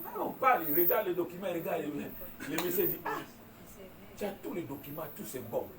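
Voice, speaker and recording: A man preaching a sermon as pastor, animated, with call-and-response and laughing asides. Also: high voice, fairly quick, a crowd in the background. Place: large church hall. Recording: echoey church hall, far from mic, congregation. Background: congregation responding.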